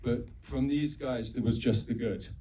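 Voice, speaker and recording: A man's voice: medium pitch, steady tone, normal speed. A man from Uganda, a film co-director answering audience questions earnestly, repeating words for emphasis. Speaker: film co-director, panel guest. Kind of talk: post-screening Q&A answers. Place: screening venue with live audience. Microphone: handheld mic held too far off. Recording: distant mic with faint noise.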